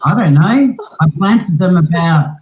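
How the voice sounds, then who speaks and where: An Australian woman hosting a scambaiting livestream, asking teasing, deadpan questions on a prank call. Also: lowish voice, a little slow, echoey room, dull audio.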